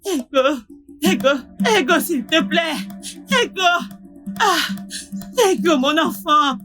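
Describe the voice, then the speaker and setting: A woman's voice: high voice, unhurried, a bit bright, soft background music. An actress playing a mother in a dubbed film, scolding her defiant daughter with indignation. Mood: panicked. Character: scolding middle-aged village mother.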